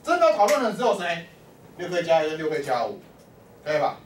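On the high side and very animated, a man speaks a little fast while teaching math. He quizzes students all the time, peppering the lecture with "lai" and "o" prompts. The audio is distant, echoing through the classroom, with a faint hum.

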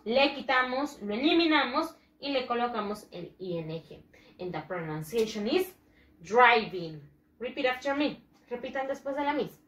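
A woman teacher drills vocabulary with young pupils, speaking slowly and patiently and stressing every word. Her voice sits a little high. The room around her is echoey. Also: fairly bright tone. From Latin America. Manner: slow, patient, repeats each word with emphasis. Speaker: English teacher for young children. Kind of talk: bilingual classroom lesson, drilling pronunciation.

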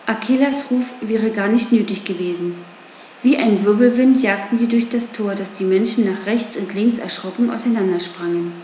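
A woman narrating an audiobook in a steady storytelling manner. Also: medium pitch, normal speed, reverberant, slight background noise. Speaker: audiobook reader.

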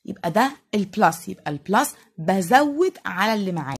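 A husky-voiced woman with an Egyptian Arabic accent takes young pupils through a lesson. She draws out each English word slowly and explains in a patient, teacherly way. Her voice sits at an ordinary middle pitch. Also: very animated. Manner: slow, drawn-out spelling of English words for young pupils. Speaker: primary school English teacher. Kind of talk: recorded classroom lesson.

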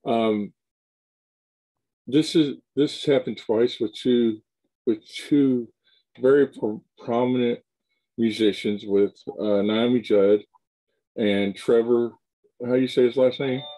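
A middle-aged show host runs an interview over a video call from a home room lined with shelves of collectibles. He speaks slowly in a medium-pitched, dark, fairly even voice, pausing often and talking loosely with many restarts, on a low-quality recording.

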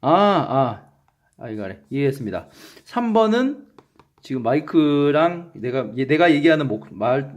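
A slightly high, somewhat mellow voice belongs to a Gyeongsang-accented man hosting his channel's casual unboxing vlog. He's self-deprecating and jokey, often stumbling over what he says.

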